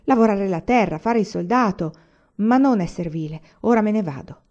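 A woman's voice: medium pitch, expressive, moderate pace, darkish tone, lightly acted. A woman reading the lines of an anxious, proud young male student in an agitated, emphatic way for an audiobook. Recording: dull lo-fi recording.

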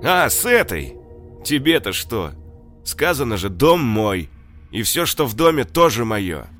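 A man reading an audiobook, voicing a crude adult male looter who shrieks and babbles in a high, shrill, hysterical voice. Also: big pitch swings, a little slow, a bit bright, faint music behind. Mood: sneering. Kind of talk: audiobook character voice.

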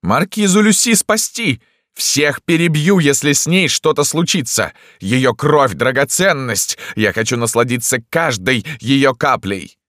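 A man's voice: medium pitch, animated, unhurried, fairly bright tone, no room sound, clean studio sound, voice pushed up. A man voicing a bloodthirsty, gloating emperor in an audiobook, bellowing his orders. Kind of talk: audiobook character voice.

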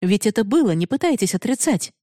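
A woman's voice: mid-range voice, big pitch swings, a little fast, warm tone, no room sound, clean studio sound, voice pushed up. A woman voicing a proud, passionate young woman who pleads bitterly for love, raised and emotional. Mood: pleading, bitter.

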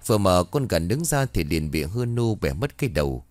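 A man narrates a ghost story in an animated way. His voice is lowish with lively swings in pitch, recorded dry and close. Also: brisk, no room sound.

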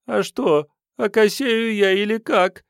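A scruffy homeless teenage girl, as a male audiobook reader puts her on, high and cheeky. She talks in brash street slang and never seems bothered. The sound is close and dry. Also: slow, gravelly, smooth, no room sound, heavily acted. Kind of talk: audiobook reading.

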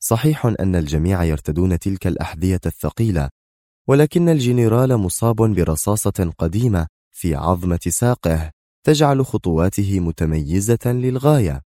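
Man, audiobook narrator, very low voice, dark mellow tone, steady measured reading, dry close mic. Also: dry recording. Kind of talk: scripted narration.

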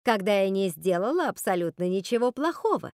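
A woman's voice: medium pitch, sing-song, fairly quick, darkish tone, no room sound, clean studio sound. A woman voicing a theatrical witch mother who speaks in a syrupy, sing-song, melodramatic way. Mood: sugary. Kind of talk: audiobook character voice.

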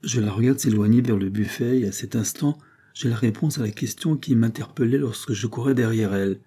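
A man reading a novel aloud in the first person, with a measured, intimate delivery. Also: medium pitch, mellow, husky. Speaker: audiobook narrator. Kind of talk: scripted novel narration.

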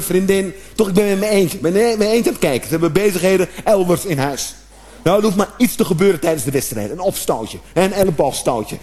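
A man doing a stand-up comedy routine, animated, with sudden shouted outbursts and acted-out noises. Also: sits high.

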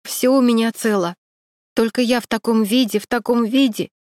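Tearful young woman after an assault, sobbing and high, read by a woman narrator. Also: fairly even intonation, normal speed, a little mellow, no room sound, clean studio sound, natural voice.

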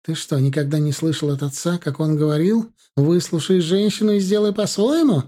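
Man putting on a sharp, indignant middle-aged mother, reproachful, higher voice, audiobook, husky. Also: normal speed, lightly acted. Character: irritable middle-aged mother, kindergarten head. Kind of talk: audiobook character voice.

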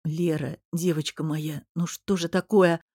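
A woman voicing a tender, protective husband, speaking softly and a little lower than her own voice. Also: steady tone, unhurried, breathy edge, dry recording, studio quality, exaggerated voice. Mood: tender soothing. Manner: soft, lowered, cooing.

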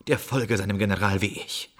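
An actor playing a solemn stranger who recounts grim news in a radio play, with a husky voice. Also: male voice, fairly low pitch, fairly even intonation, a little fast, fairly bright tone. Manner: solemn storytelling. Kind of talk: classic radio play acting.

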